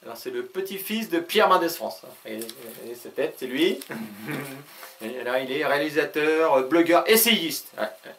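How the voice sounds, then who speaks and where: A man's voice: on the high side, animated, fairly bright tone. A man hosting his own video channel in a casual comic monologue, rambling with many hesitations and frequent chuckles. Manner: talks fast.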